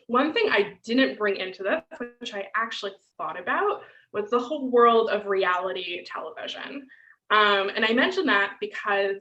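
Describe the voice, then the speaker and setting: A guest lecturer with a bright, forceful, mid-range voice gives an online lecture and fields questions, speaking loosely and conversationally with lots of "um" and "right?" tags. She's heard over a video call, and the audio sounds distant, roomy, and dull.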